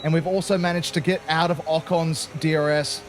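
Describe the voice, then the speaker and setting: A man's voice: fairly high pitch, level tone, brisk. Chatty Australian man commentating a race game. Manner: chatty, jokey, peppered with "mate". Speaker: gaming channel host. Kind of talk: casual gameplay commentary.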